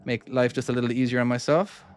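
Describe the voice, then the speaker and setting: Quick-paced and steady in tone, a mid-range man's voice comes through cleanly. He's from Cork with an Irish accent, offering casual live gameplay commentary on his trucking game as he talks through maneuvers and responds to questions in chat.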